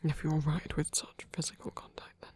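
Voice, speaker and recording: A performer gives a breathy, whispery murmur as a gentle, devoted male vampire priest in intimate ASMR roleplay, hesitant and earnest, with formal wording. The mid-range voice is monotone at a normal speed, recorded on a close, dry mic for a scripted romantic audio drama.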